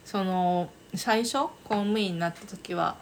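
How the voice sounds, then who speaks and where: A woman's voice: fairly low pitch, a little slow. Kansai woman in casual podcast chat. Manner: informal, chiming in with agreement. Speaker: podcast co-host. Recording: steady faint background noise.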